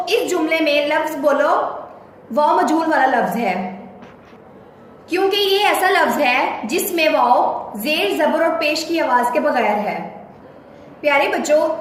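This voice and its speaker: A woman teacher leading a children's reading lesson, spelling words out slowly letter by letter. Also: high voice, a little hiss or hum. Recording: very echoey room, faint ambience.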